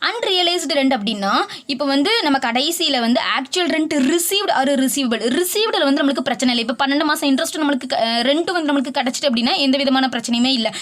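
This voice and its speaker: A woman's voice: sits high, animated, fairly bright tone. A woman tutor explaining tax rules in a video lesson, mixing English legal terms into her talk and restating each point in plain words. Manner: mixes English legal terms into Tamil, reads rule text slowly.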